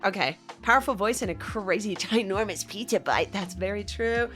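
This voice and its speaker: A young woman streams from home, casually chatting with live viewers, greeting them by name, and often breaking into giggles. Her voice is mid-range and a bit bright at a moderate pace, picked up loudly by a desk mic with faint music behind.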